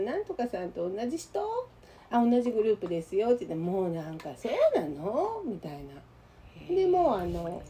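A woman with a Kansai accent and a medium-pitched voice co-hosts a radio talk show, animatedly telling a story in casual chat and acting out the voices of people she met. Slight background noise is present.

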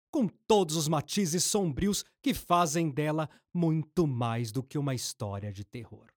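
A man's voice: medium pitch, no echo, studio quality, close to an everyday voice. A man narrating a scripted radio drama as its storyteller.

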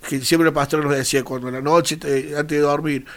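A man's voice: on the high side, fairly even intonation, brisk. A man, explaining prayer in earnest in a devotional talk and reading Bible verses aloud. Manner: earnest, reads scripture aloud, quotes sample prayers. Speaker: church radio co-host.

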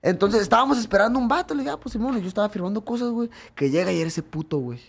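A Mexican man tells a story to friends in rapid, run-on bursts. His voice sits fairly high. He is profane and casual, and he ends nearly every phrase with a slang filler. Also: expressive, vocal fry. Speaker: guest, fighter.

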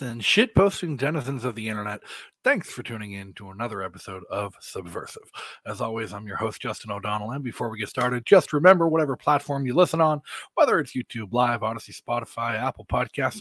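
An American man delivering a podcast monologue as host, in deliberate phrases with emphatic stresses. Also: mid-range voice, fairly bright tone, husky, dry recording.

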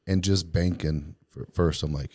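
Male podcast co-host, very low voice, dry close sound, rambling storyteller who laughs through his stories. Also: steady tone, measured pace, warm tone, no room sound. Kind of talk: casual storytelling chat.

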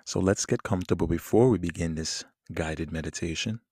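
A man leading a guided meditation in a soothing, unhurried manner with long pauses between phrases. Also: low voice, no echo, clean studio sound. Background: soft plucked guitar music.

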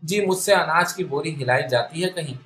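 A man reading the lines of a timid, resentful pregnant young wife in a story, in a lowered tone. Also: a bit bright, echoey room, close to an everyday voice. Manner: timid, resentful inner complaint.

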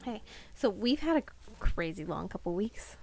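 Woman podcast co-host, casual and chatty, mid-pitched voice, lots of fillers. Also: big pitch swings, normal speed, creaky, over loud music. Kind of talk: casual chat.

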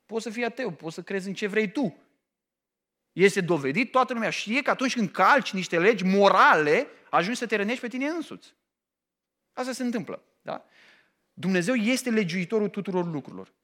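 A middle-aged man preaching a sermon, emphatic and animated, often pausing to ask his listeners questions. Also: sits high. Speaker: pastor.

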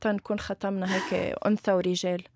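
A woman's voice: medium pitch, flat delivery, fast talker, a little mellow, no room sound, clean studio sound. A woman with a Levantine Arabic accent co-hosting a casual chat, with short prompts and interjections. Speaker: interview co-host.

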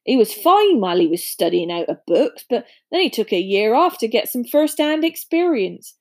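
A woman's voice: fairly high pitch, sing-song, normal speed. A woman voicing a big, good-natured man with a blunt, folksy, emphatic way of talking in a storybook. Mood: hearty, confiding. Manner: folksy, informal, emphatic speech.

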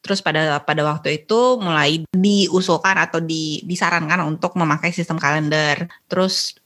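Female podcast guest, chatty, relaxed, low-ish voice. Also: moderate pace. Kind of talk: casual conversation.

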